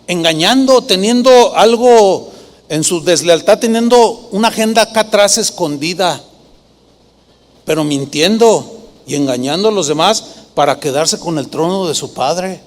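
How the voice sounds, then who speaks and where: A man's voice: sits high, in a large hall. A man preaching a sermon as pastor, emphatic and full of rhetorical questions.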